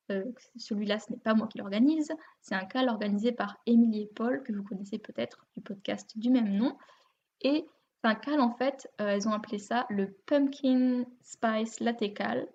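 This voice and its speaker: French woman, knitting podcast host, casual rambling chat, slightly high voice, dull lo-fi sound. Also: mellow. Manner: chatty, self-deprecating, many fillers. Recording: muffled lo-fi home recording.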